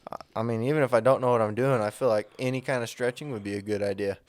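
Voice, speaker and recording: A man's voice: mid-range voice, steady tone, fast, no room sound. Laughing man chatting on a podcast. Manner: laughs often, joking asides. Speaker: podcast co-host. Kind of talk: casual book discussion chat.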